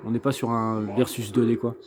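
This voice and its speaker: A man's voice: medium pitch, level tone, brisk, music in the background. A man giving casual gameplay commentary as a game reviewer, thinking aloud and hesitant, with many fillers. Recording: clear background noise.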